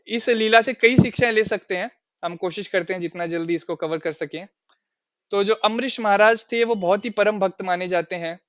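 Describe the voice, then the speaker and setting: A man's voice: sits high, fairly bright tone, no echo. A man teaching a scripture class, explaining verses at length and asking his listeners questions. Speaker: spiritual teacher.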